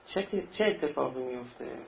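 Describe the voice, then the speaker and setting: A man's voice: medium pitch, expressive, creaky, slight background noise. A man preaching a sermon in a conversational way, acting out little anecdotes. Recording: dull lo-fi recording with faint ambience.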